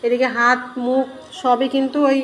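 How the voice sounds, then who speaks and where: A middle-aged woman, hoarse from a cold, chatting homely to viewers as she cooks fish in her kitchen. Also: high-pitched, flat delivery, normal speed, a little hiss or hum. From Bengal. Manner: chatty, homely, talks to viewers while cooking. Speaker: cooking vlogger. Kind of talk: casual cooking commentary. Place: home kitchen.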